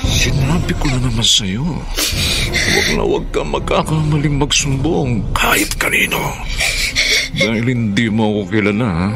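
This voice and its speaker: A cruel, domineering uncle in a dramatized story, acted by a man. His fairly high voice swings wildly in pitch, dropping to quiet menace and jumping to shouted threats. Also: sing-song, moderate pace, vocal fry, music in the background, heavily acted. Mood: threatening. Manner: threatening, swings from low menace to loud outbursts.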